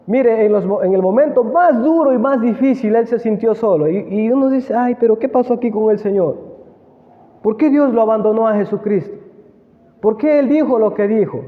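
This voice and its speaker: A man preaching a sermon, reading scripture slowly and asking the congregation questions. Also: sits high. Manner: asks the congregation questions, slow emphatic reading. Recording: echoey hall, tinny phone-like sound.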